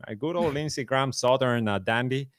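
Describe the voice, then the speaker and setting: A man co-hosting a casual political discussion, relaxed and self-deprecating in his asides. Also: medium pitch, brisk, clear, resonant tone, no echo, studio quality. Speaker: podcast co-host.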